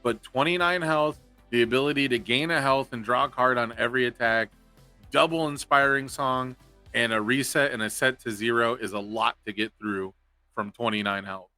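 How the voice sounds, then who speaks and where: A man giving live, analytical commentary on a card game tournament, thinking through each possible play out loud. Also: medium pitch, fairly even intonation, moderate pace, no echo, soft background music.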